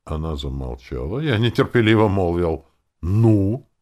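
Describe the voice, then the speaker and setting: Male audiobook narrator, low voice with lively melody, expressive. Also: normal speed. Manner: expressive, voices every character. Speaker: audiobook reader.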